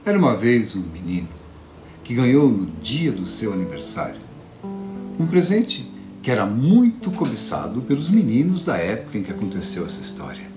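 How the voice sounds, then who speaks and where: A man telling a classic fairy tale to children, playful and dramatic, with long pauses. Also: on the low side, wildly swooping pitch. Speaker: storyteller. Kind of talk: children's storytelling performance. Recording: echoey room with guitar music.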